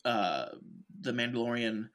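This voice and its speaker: A man's voice: mid-range voice, expressive, unhurried, fairly bright tone. A man co-hosting a podcast, casually recapping with wry asides and many fillers. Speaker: podcast co-host. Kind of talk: casual chat.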